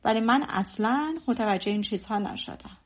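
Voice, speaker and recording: Woman doing a nice easygoing young gentleman, kindly tone, lo-fi sound. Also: medium pitch, natural voice. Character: good-natured young gentleman. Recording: dull lo-fi recording.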